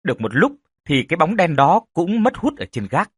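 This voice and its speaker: A man narrating a ghost story in a dramatic, expressive way. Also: fairly high pitch, fairly quick, husky, no echo, clean studio sound.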